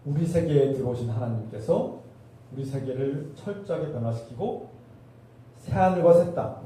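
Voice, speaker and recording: A man's voice: a little high, warm tone, a little hiss or hum. Male pastor, sermon, rhetorical questions, very echoey church, distant mic. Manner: preaching with rhetorical questions to the congregation. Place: church sanctuary. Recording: distant roomy church recording.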